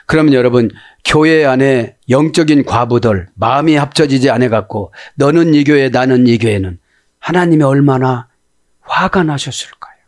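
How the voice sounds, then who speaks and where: A man preaching a sermon in a lively style, often turning to ask the congregation for agreement and acting out prayers in a pleading voice. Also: medium pitch, moderate pace. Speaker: pastor.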